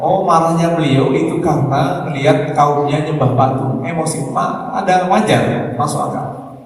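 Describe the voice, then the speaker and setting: A man giving an animated Islamic lecture, speaking straight to the congregation. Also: a little high, normal speed. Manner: animated, addresses listeners as Pak and Bu, acts out quarrels. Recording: echoey hall, voice from far off.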